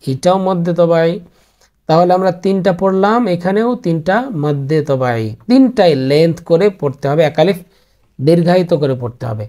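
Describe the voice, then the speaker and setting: A man's voice: on the high side, dark tone. A man teaching a Quran reading class online, patiently repeating each spelling rule and mixing in English words.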